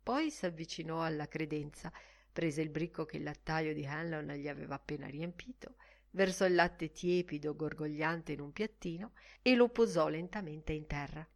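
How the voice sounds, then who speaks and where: A woman narrating a literary audiobook expressively, often dropping her voice to a soft hush. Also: deep voice, normal speed. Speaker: audiobook reader.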